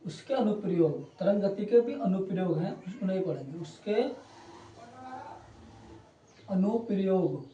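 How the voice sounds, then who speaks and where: Young male physics tutor, chatty and reassuring, warm low tone, off-mic in an echoey room. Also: animated, fairly quick, hardly any pauses, recorded from a distance, muffled recording, slight background noise. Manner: chatty, repeats "ठीक है" and checks on students. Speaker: polytechnic physics teacher. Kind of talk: online coaching lecture. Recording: roomy echo, voice away from the mic.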